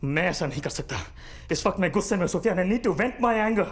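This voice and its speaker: An actor playing a bitter, paralysed former magician who shifts between sarcastic and angry outbursts. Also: male voice, high-pitched, lively intonation, brisk, slight background noise. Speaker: radio jockey.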